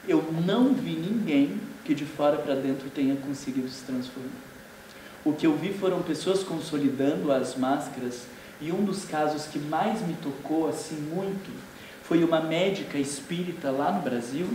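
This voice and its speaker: A man with a Brazilian accent giving a lively seminar talk as a spiritist lecturer, acting out everyday scenes. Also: a little high, moderate pace. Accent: Brazilian Portuguese. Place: indoor seminar room. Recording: very echoey room from far off, faint noise.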